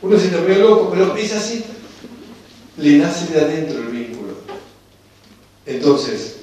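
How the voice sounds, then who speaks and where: A man with a Rioplatense Spanish accent gives a calm, reflective spiritual lecture and lets key phrases land slowly. His voice rings through a very echoey hall. The mic sits some distance away. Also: a little high, slight background noise. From Argentina. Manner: calm and unhurried, slowing down to repeat key phrases.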